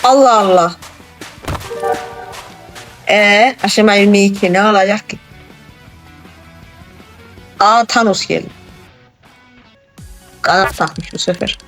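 A gaming channel host giving excitable, casual let's-play commentary, exclaiming and teasing a co-player. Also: mid-range voice, slow pace, pauses often, faint music behind.

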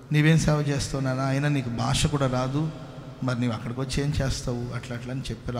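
A male pastor from Karnataka giving a sermon testimony, moving from soft pleading to loud exclamations and calling for hallelujahs. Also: medium pitch. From Karnataka, India. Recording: echoey hall with faint noise.

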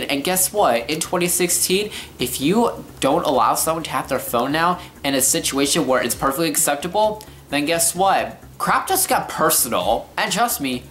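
A young man somewhere between his teens and early twenties tells a casual personal story to camera, exaggerated and sarcastic like a rant. His voice is a little high and a bit bright. He's a vlogger recording indoors in a living room.

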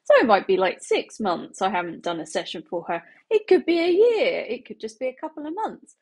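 A woman in her thirties talks straight to camera from a small living room, chatty and quick to laugh as she explains her view as a healing practitioner. Her voice sits a little high, swinging up and down with lively intonation, and carries a slightly husky edge. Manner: chatty, laughs often, gestures with hands. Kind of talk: casual talk to camera.

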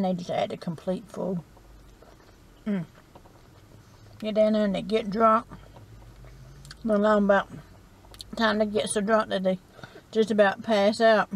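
A middle-aged woman with a Southern US accent, chatting in a rambling, folksy way as she eats in her parked car at night, recorded on a dashboard camera. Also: mid-range voice. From South Carolina. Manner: rambling, folksy, chats while eating. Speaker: vlogger. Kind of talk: casual chat.

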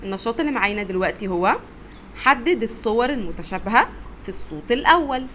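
Young Egyptian woman kindergarten teacher, high lively voice, slow drawn-out sounds, faint hiss behind. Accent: Egyptian Arabic. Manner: encouraging, stretches sounds slowly and loudly for children. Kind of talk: teaching letters to young children.

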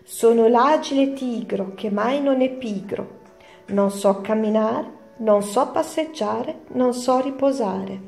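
A woman's voice: fairly high pitch, takes it slowly, vocal fry, darkish tone, reverberant, soft background music. A woman voicing a cheerful, ever-jumping male tiger in a children's storybook reading, in a sing-song, exuberant manner. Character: bouncy cheerful male tiger, always leaping.

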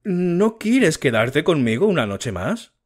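A man's voice: on the high side, sing-song, slow, slightly rough, pitched above the performer's own voice, exaggerated voice. A man as a sorrowful, generous prince statue. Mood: sorrowful gentle. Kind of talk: audiobook character reading.

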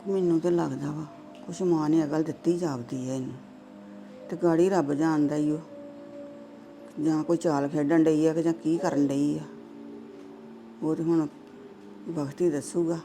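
A woman plays a stern middle-aged mother in a homespun family drama. She talks in a low voice with steady, lecturing reproach. Soft music sits behind her. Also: a little slow, pauses often. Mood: wary.

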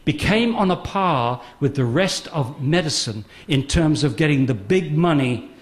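A man's voice: a little high, lively intonation, unhurried. A man giving a public talk, emphatic and sarcastic, often repeating phrases for effect. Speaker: guest speaker. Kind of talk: public talk on a health controversy.

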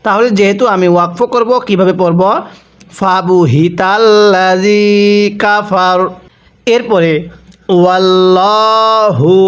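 A man teaching Quran reading, spelling out each word syllable by syllable in slow, drawn-out recitation, then explaining the rules and asking viewers to repeat after him. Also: sits high, highs cut off. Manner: addresses viewers directly, asks them to repeat after him.

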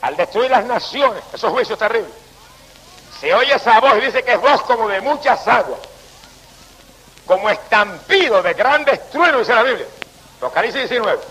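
An older man with a Puerto Rican Spanish accent, preaching an impassioned revival sermon, pleading with listeners and shouting out praises. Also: very high voice, expressive, normal speed, breathy edge, low-quality recording.

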